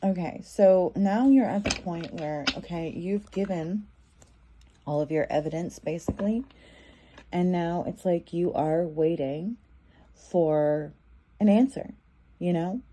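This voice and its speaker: A woman's voice: lowish voice, slow, mellow. A woman giving a casual tarot reading, talking in a loose, repetitive way with many fillers and restarts. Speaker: tarot reader.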